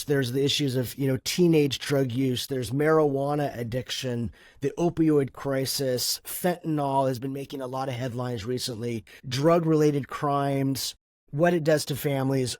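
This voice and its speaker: A man's voice: medium pitch, no echo. Earnest male podcast host, dry sound. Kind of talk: scripted podcast introduction.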